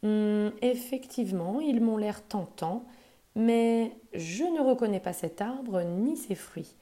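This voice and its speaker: Brief: woman doing a prudent mother, slow and measured, slightly raised voice, warm. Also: mid-range voice, animated, pitched above the performer's own voice. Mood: cautious. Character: cautious, sensible mother.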